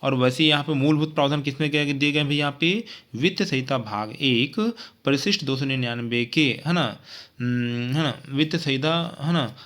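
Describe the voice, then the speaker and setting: A man's voice: mid-range voice, normal speed, hardly any pauses, a bit bright. A man teaching an exam-prep lesson, repeating points and checking in with frequent tag questions.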